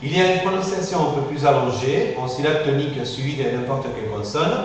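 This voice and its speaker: A male phonetics teacher giving a classroom pronunciation lesson, patient and drilling sounds slowly with many repetitions. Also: medium pitch. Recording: echoey room, far from mic, faint hiss.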